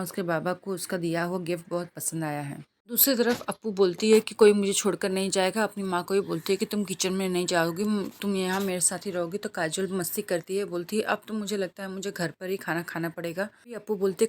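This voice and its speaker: Woman with a lowish voice recapping a soap. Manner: reads characters' lines aloud in her own voice, with small slips. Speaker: TV serial recap narrator. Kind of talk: casual spoken retelling of a soap episode.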